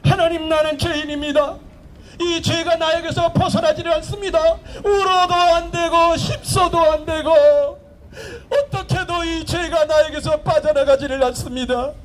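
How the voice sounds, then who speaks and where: A despairing man bitten by a snake wails his regrets and begs for mercy, as a preacher acts him out in his sermon. The voice is strikingly high and full of pleading. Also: steady tone, moderate pace, a little hiss or hum. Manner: wailing, pleading laments.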